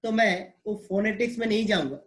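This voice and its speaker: A man teaching English pronunciation, explaining slowly and repeating words, mixing with English phrases. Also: high voice, fairly bright tone. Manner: slow, repetitive explaining, mixing Hindi and English.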